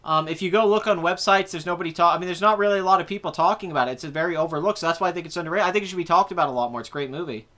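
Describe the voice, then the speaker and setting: A man's voice: fairly high pitch, racing, few pauses, a bit bright. A man in his twenties hosting a casual live chat about movies, rambling and correcting himself as he answers viewer comments. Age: 20s. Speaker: host.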